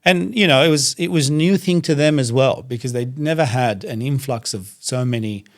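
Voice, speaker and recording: Thoughtful man from Iraq, native Arabic. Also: medium pitch. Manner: thoughtful, measured, pauses to gather words. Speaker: guest, doctor and reciter. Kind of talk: conversational interview. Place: studio.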